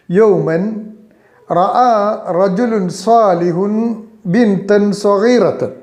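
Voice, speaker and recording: A male teacher reading a poem line by line, slow on each verse and quick when he explains it. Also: high voice, mellow, echoey room. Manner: reads verses slowly, then explains in quick bursts.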